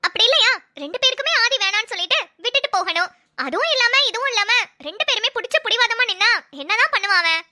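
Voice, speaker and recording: A woman's voice: extremely high pitch, animated, quick pace, pushed and bright, heavily acted. A woman voicing a mischievous, bossy young cartoon woman who teases and schemes. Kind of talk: cartoon voice acting.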